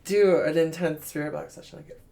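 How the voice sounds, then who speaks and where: A woman's voice: low voice, fairly even intonation, brisk, gravelly, warm tone. A woman casually recounting her experience in an informal group conversation after a paranormal session. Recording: noisy room recording with clicks.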